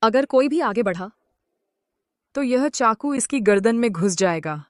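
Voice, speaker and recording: An actress dubbing a vengeful wife back from an asylum, cold and commanding. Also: female voice, on the high side, lively intonation, measured pace, no room sound, clean studio sound. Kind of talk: Hindi dub of a drama.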